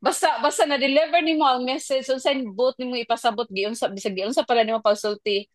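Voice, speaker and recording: A woman with a Filipino accent tells classroom stories in casual podcast chat, slipping into lively voices for her students and herself. Her voice sits a little high and is recorded close and dry, with no room sound. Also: quick pace, dry recording. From Philippines. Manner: animated storytelling, acting out classroom exchanges with laughs. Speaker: teacher sharing her experience.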